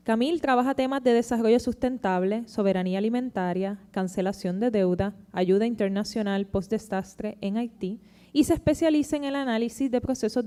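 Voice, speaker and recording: A woman's voice: mid-range voice, warm tone. A woman moderating a panel, reading a formal scripted introduction in list-like phrases.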